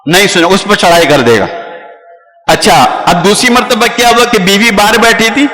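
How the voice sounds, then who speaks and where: A man giving a storytelling sermon, animated, acting out family quarrels and calling his listeners brother. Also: sits high. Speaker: preacher. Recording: long hall reverb.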